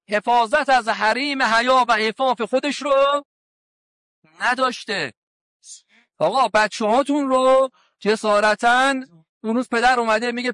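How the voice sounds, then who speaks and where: A male cleric delivers a sermon in a strikingly high voice and a colloquial manner. He from around Qom and retells conversations, voicing the lines of the people in his stories. The sound is close and dry, with no room echo. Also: fairly bright tone. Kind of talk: sermon with anecdotes.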